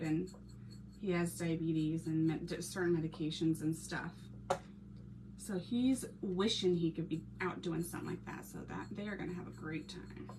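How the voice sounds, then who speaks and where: Chatty Texan woman crafting live. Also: fairly low pitch. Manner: chatty, laughs often, greets viewers by name. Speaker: craft channel host reading live chat. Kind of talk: casual live-stream chat while painting. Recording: noisy background hiss.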